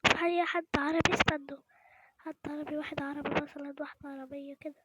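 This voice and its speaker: A woman with an Egyptian Arabic accent chatting excitedly to viewers as she plays, anxious and often dropping into whispers. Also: high-pitched, fast talker, very noisy. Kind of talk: excited playthrough chat to viewers.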